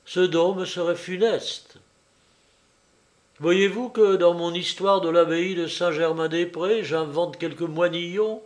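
A man reading a literary novel aloud in a measured, wry and reflective storytelling manner. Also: high-pitched, fairly even intonation. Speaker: audiobook reader. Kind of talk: literary audiobook narration.

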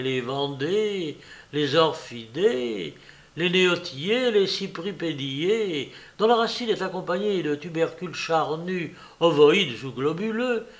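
A man doing a young pedantic scholar. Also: fairly high pitch. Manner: pedantic, precise, lecturing. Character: young pedantic male scholar, eager lecturer.

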